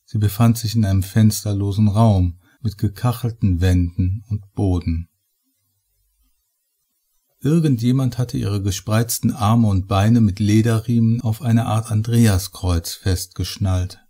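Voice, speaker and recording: A man reading a horror story aloud in a measured storytelling manner. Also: fairly low pitch, fairly even intonation, dark tone. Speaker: audiobook reader. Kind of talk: scripted horror narration.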